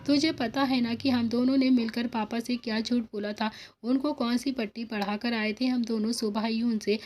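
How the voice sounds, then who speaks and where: A woman's voice: on the high side, steady tone, normal speed, darkish tone, slight background noise, lightly acted. A woman voicing a panicky young man who dreads his strict father, talking in a fretful, teasing way in a storybook reading. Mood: anxious.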